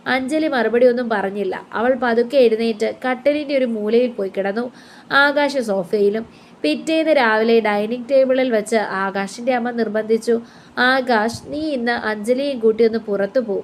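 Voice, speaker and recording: A woman narrating a scripted romantic short story. Her fairly high voice moves at a steady, measured pace. A faint hiss sits under it.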